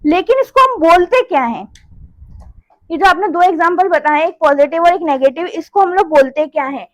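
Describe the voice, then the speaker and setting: In a casual classroom lesson, a woman with a very high voice teaches maths in a relaxed, talkative way. She moves at a moderate pace, repeats each step, and keeps checking in with her students. The audio is poor.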